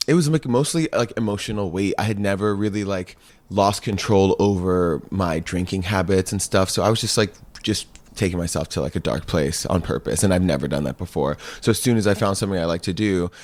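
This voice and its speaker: A man's voice: deep voice, a little fast, darkish tone. A man in his thirties from Brooklyn, a fitness instructor talking candidly on a podcast, laughing often and saying "like" a lot. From Brooklyn, Park Slope. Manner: candid, laughs often, many filler likes. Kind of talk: casual podcast chat.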